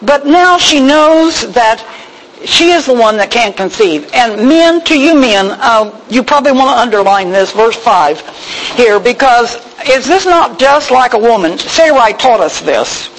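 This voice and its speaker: An older woman teaching a Bible lesson in a chatty, expressive sermon with humorous asides. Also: a little high, unhurried, slight background noise, low-quality recording. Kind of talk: conversational sermon.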